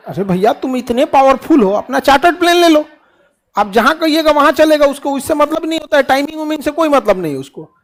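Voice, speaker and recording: Joking, folksy man. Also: extremely high pitch. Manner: folksy, joking, asks the class questions and answers them himself. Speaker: teacher giving a motivational talk. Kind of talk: lively classroom motivational speech. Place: classroom.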